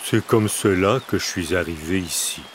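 A man's voice: low voice, moderate pace, fairly bright tone, slight background noise. A man voicing a timid, weepy little male bear cub in a storybook reading, with a plaintive, whiny tone.

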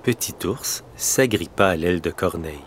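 A man reading a children's story aloud, slow and expressive. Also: low voice, slight background noise.

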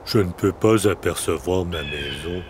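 A man's voice: deep voice, measured pace, noisy background. A man voicing a timid, weepy little male bear cub in a storybook reading, with a plaintive, whiny tone.

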